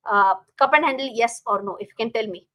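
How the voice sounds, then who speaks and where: A woman's voice: on the high side, fast, sharp tone, no echo. A woman with an Indian accent hosting a casual live stream as a teacher, speaking directly to viewers and often repeating her phrases.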